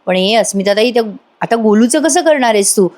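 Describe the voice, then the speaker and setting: A woman's voice: on the high side, expressive, a little fast, a little mellow, lightly acted. Woman reading a cheerful joking young man.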